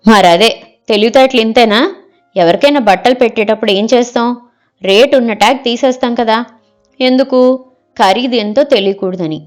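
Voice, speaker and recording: A woman's voice: a little high, moderate pace, pauses often, soft background music, lightly acted. A woman reading the part of a picky middle-aged wife in an audio story, scolding and rejecting every suggestion.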